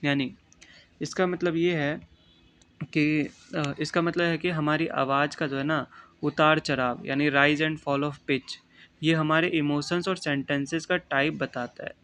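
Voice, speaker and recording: A young Indian man teaching an exam-prep lesson, reading English definitions slowly, then explaining them in Hindi. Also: fairly high pitch, level tone, fairly bright tone, a little hiss or hum.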